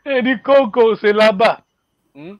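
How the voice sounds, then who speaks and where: A man teaching a language class, explaining slowly and hesitantly, repeating words and chuckling often. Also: high voice, lo-fi sound.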